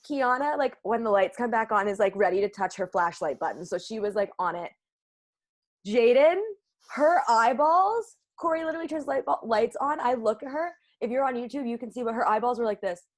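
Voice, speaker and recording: A woman's voice: fairly high pitch, expressive, a little fast. A young woman co-hosting a podcast in casual chat, laughing often and reacting with short quips. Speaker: podcast co-host.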